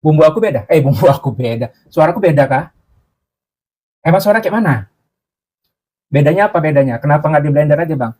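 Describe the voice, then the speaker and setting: Grinding spices has left this man a little out of breath as he hosts a casual cooking stream from a boarding-house room. His voice is fairly high with a darkish tone, picked up by a clip-on mic, and he jokes and chats while responding to viewer comments.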